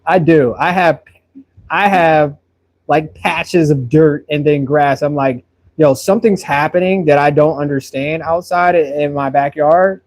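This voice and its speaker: A man's voice: fairly high pitch, unhurried. A man in his thirties chatting casually while painting, answering viewers' comments in a rambling, friendly way and repeating words as he thinks. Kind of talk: casual live-stream chat while painting.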